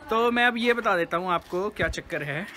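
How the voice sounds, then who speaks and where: A man's voice: sits high, expressive, brisk, sharp tone, a little hiss or hum. A young man chatting casually to his viewers in a vlog, talking straight to the camera and teasing the people around him. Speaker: vlogger.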